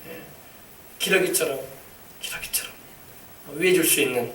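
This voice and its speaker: A man's voice: on the high side, moderate pace, fairly bright tone, a little hiss or hum. A man preaching a sermon as a pastor, emphatic and repetitive, drawing responses from the congregation. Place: church sanctuary. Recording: echoey church, mic far off.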